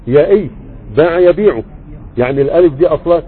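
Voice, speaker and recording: Fast-talking Egyptian teacher over a tinny line. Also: male voice, fairly high pitch, husky. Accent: Egyptian Arabic. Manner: conversational, checks understanding often. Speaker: religious teacher explaining grammar. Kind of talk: live online lesson, reading a text and explaining. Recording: tinny phone-like audio.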